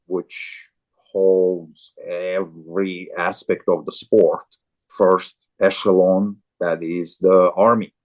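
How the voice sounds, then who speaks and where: Slow, deep-voiced man from Azerbaijan. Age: 40s. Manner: halting, repeats and restarts words, with occasional chuckles. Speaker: guest, farrier and show jumper. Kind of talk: casual interview talk.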